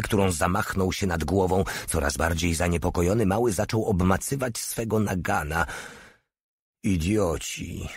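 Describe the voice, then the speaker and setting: A man narrating an audiobook in a steady, measured reading. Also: deep voice, slightly rough, dry recording, studio quality. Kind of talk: scripted narration.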